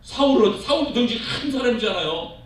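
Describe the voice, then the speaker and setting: Animated male pastor in an echoey church. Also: extremely high pitch, fairly quick. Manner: animated storytelling, acts out quotes. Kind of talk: sermon. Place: church sanctuary. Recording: echoey hall, voice from far off, faint noise.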